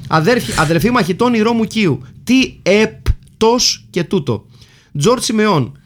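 A man's voice: high voice, expressive. A man with a slightly raised voice hosts a casual, joking film talk. He reads out listener mail and cast lists in a playful, bantering way. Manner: jokey, reads lists of names and titles. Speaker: podcast host reading listener mail. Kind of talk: casual comedic film chat.

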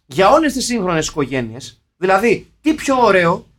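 A man co-hosting a casual film review, talking with mock-serious, deadpan sarcasm. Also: high-pitched. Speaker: podcast co-host reviewing a film. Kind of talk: ironic casual film chat.

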